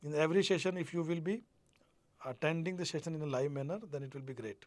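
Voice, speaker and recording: Male online tutor, North Indian accent, high voice, dry sound; repetitive, questioning, addresses students directly. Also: fast, no room sound. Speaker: teacher. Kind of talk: live online exam-prep lecture.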